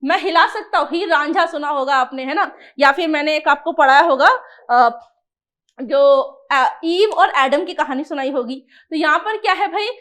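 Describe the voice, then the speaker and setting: A young woman teaching an English exam lesson in a lively coaching style, asking questions and answering them herself. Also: sits high, moderate pace.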